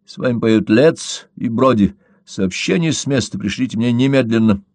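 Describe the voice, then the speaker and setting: A man's voice: mid-range voice, normal speed, a little mellow, dry recording, natural voice. A man voicing a curt, commanding male boss who gives clipped orders, in a storybook reading.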